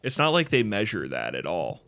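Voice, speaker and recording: A man co-hosting a casual podcast, animated, laughing at his own jokes and using lots of fillers. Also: fairly low pitch, normal speed, gravelly, no echo. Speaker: podcast co-host.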